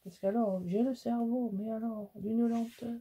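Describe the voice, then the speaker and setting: A woman's voice: on the high side, fairly even intonation, measured pace, warm tone, breathy edge. A middle-aged woman from Alsace, chatting casually through a crafting tutorial, rambling and self-mocking with many restarts. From Alsace, France. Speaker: scrapbooking crafter.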